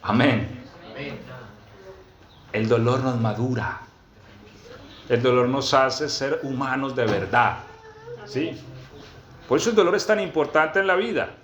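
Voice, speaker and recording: A man preaching a sermon to his congregation, reading scripture slowly and often asking them questions. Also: animated, fairly bright tone. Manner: peppers teaching with questions to the congregation; reads scripture aloud slowly and emphatically. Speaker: pastor. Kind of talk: sermon teaching. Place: church gathering with a congregation. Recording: roomy, dull low-fi sound.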